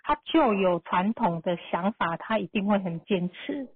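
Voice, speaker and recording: Calm husky woman on a phone-like line. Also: mid-range voice, moderate pace. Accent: Taiwanese Mandarin. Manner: calm, explanatory, reassuring. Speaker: numerology teacher. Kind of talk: advice on a live podcast. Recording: phone-like narrow-band line.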